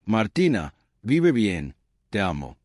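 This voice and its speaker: A man voicing a despairing young man's farewell words, slow, quiet and heavy. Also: lowish voice, wildly swooping pitch, dry recording, studio quality, heavily acted.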